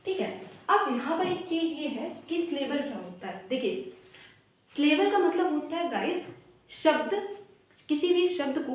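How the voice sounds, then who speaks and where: In a very echoey room, a woman with a high, darkish voice coaches English grammar online. She explains things step by step, calls her viewers "guys," and chants word lists in a sing-song.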